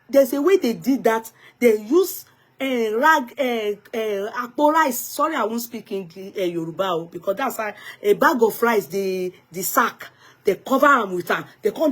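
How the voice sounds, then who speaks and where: A woman with a Nigerian accent giving emphatic gossip commentary in a vlog, slipping into pidgin and Yoruba phrases. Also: on the high side. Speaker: vlogger.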